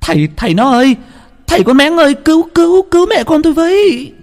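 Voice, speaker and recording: A man voicing a terrified middle-aged peasant mother in a ghost story, with a shrill, wailing falsetto. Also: sing-song, fast, exaggerated voice.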